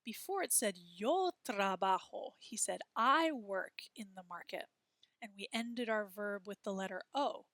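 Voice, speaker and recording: A woman teaching a beginner Spanish class from a textbook, modeling words slowly and clearly for students to repeat. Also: mid-range voice, expressive, fairly bright tone, no room sound. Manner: slow, exaggerated modeling of words for repetition. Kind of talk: classroom lesson reading from a textbook.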